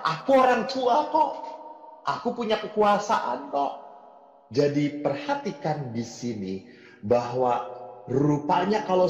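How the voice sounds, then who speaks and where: A middle-aged man preaching to a congregation, telling lively personal stories, and moving between soft and loud delivery. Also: mid-range voice. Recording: echoey hall, dull sound.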